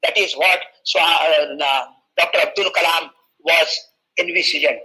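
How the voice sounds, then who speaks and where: Bright, high-pitched male storyteller. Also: unhurried, low-quality recording. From India. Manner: animated, quoting characters in rising pitch. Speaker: webinar speaker. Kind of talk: storytelling lecture.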